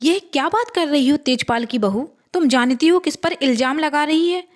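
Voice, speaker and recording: Brief: indignant old grandfather, read by a woman, scolding, high-pitched delivery, horror story. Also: animated, normal speed. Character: angry old grandfather defending his granddaughter.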